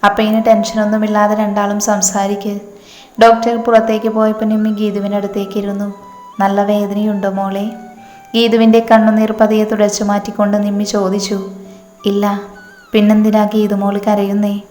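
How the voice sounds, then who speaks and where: A woman narrates a domestic drama in a flat, level voice that barely rises or falls. Her reading echoes in a reverberant room, with soft music playing beneath it. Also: medium pitch. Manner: even, unhurried reading, voicing all characters in her own voice. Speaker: storyteller. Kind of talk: scripted story narration with character dialogue.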